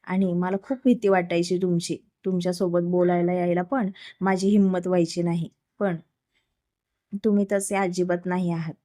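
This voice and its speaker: A woman voicing a sweet, gentle young wife in a storybook romance, in her own low, mellow voice. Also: flat delivery, normal speed, dry recording, clean studio sound, natural voice. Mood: scolding.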